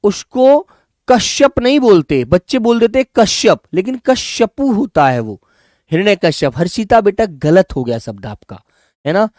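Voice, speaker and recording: A man with a fairly high voice teaches an online language class, recorded dry and close. He calls his students "child", repeats each word slowly, and keeps nudging them along. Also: very animated, a little mellow, no echo. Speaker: Hindi teacher.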